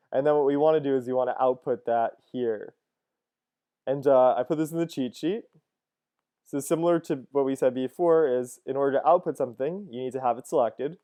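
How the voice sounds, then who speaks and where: Casual thirties male teacher, smooth mellow voice, walks through code aloud. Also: mid-range voice. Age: 30s. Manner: casual, thinks aloud with frequent "uh" and "cool, cool". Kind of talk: screen-recorded coding lesson.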